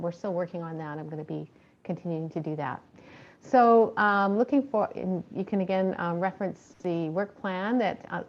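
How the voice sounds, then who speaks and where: A woman's voice: on the low side, highs cut off, a little hiss or hum. A woman presenting a fundraising report to a committee, talking steadily with many ums and uhs. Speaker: fundraising coordinator.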